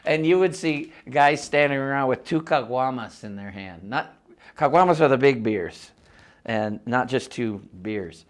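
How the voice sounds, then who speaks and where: A man in his sixties spins loose, rambling stories in a casual interview, with a voice of ordinary pitch. He grew up between the US and Mexico, laughs easily and often circles back to restart his sentences. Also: animated, measured pace. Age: 60s. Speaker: musician interviewee. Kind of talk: casual oral-history storytelling.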